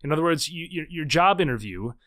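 Speaking quickly and conversationally, a podcast guest and author in his thirties explains at length with many restarts and repetitions. He sounds animated, his pitch leaning high and his tone fairly bright, in this interview setting.

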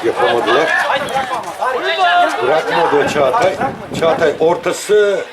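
A man's voice: expressive, takes it slowly. A man giving live football play-by-play in short, clipped phrases, often repeating himself. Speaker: football match commentator. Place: outdoor amateur football ground. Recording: noisy outdoor pitch, crowd shouting behind. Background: crowd and players shouting, loud outdoor noise.

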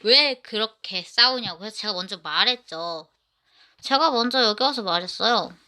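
Rambling woman telling a story, bright voice. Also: medium pitch, animated, moderate pace. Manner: rambling, with many restarts. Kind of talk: first-person story narration.

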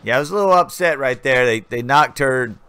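Bright-voiced man narrating gameplay. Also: mid-range voice, lively intonation, fairly quick, a little hiss or hum. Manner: rambling, chatty play-by-play addressing viewers. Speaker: gaming channel host. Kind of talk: casual gameplay commentary voice-over.

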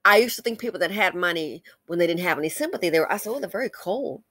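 This American commentary host is an animated, fast talker whose fairly low voice carries a fairly bright tone. As she reads out comments, she scolds bluntly and opinionatedly, throwing in emphatic conversational asides and rhetorical questions. The sound is clean studio audio without any room sound.

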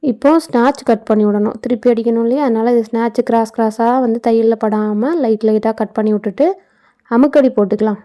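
A woman's voice: fairly high pitch, fairly even intonation, brisk, dark tone. A woman giving a casual, explanatory voice-over for a sewing tutorial, with chatty asides. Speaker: tailoring channel host. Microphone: phone.

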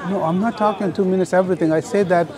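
Hombre insistente de voz aguda. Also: male voice, high-pitched, fairly even intonation, quick pace, a crowd in the background. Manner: insistent, interrupting, challenging. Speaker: street preacher at a debate booth. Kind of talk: heated street debate. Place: outdoor park plaza.

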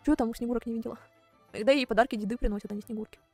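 Young streamer girl, highish voice, jokey and exclamatory, chatting over game music, dry close mic. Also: very fast, no room sound. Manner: expressive, joking, exclamatory. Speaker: vtuber streamer. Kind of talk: casual let's play commentary, reading a visual novel aloud.

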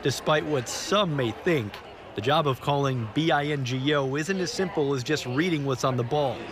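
Male news reporter over loud background noise. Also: a little high, moderate pace. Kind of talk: scripted news feature narration. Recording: loud hall noise behind.

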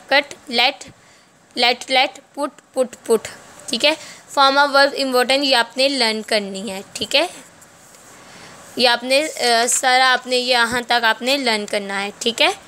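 A woman's voice: a little high, measured pace, bright, forceful tone. A woman with a Pakistani accent teaching English grammar in a recorded lecture. She reads English rules out word by word, then explains them in Urdu, often checking "theek hai".

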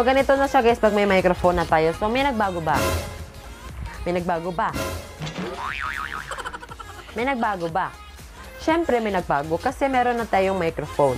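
A young woman with a Filipino accent chatting casually through a product review vlog, often checking in with her viewers. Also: mid-range voice. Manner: chatty, keeps tagging "guys, no?". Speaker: vlogger reviewing a lapel mic. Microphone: switches between a lapel mic and the phone's own mic.

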